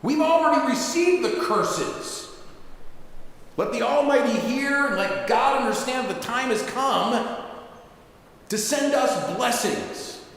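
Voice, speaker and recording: A man playing a fierce, raspy old rabbi. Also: extremely high pitch, animated, slow pace, voice pushed up, exaggerated voice. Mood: fervent shouting. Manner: yelling, impassioned. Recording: echoey synagogue hall.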